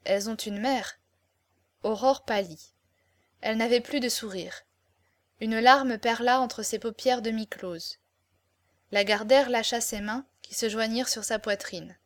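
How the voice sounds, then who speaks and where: A woman narrating a classic novel, with measured, expressive reading. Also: fairly high pitch. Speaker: audiobook narrator.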